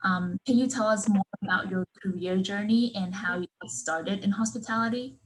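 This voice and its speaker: A woman's voice: medium pitch, moderate pace, low-quality recording. Polite woman moderating a video-call Q and A. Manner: polite, scripted introductions, frequent likes and ums. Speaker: student moderator.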